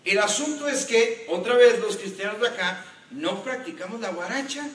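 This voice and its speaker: A man, a pastor, preaching a sermon in an animated way and joking with the congregation. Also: high-pitched, normal speed. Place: church. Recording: echoey church hall from a distance.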